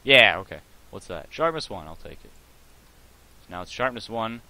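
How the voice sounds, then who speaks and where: A man giving casual, rambling gameplay commentary, full of fillers and restarts, with bursts of excitement. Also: fairly low pitch, moderate pace, slight background noise, rough recording. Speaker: let's play host.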